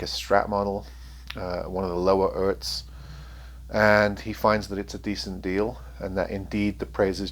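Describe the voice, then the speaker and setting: Male guitar reviewer, lowish voice, loose and candid, sniffly, plenty of ums. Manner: rambling, frank, many ums and uhs. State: sniffly from allergies. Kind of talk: casual talk to camera.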